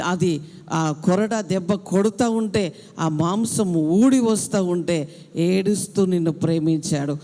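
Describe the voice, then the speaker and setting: A woman's voice: on the low side, warm tone. A woman preacher giving an impassioned sermon, repeating her phrases for emphasis. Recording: echoey hall.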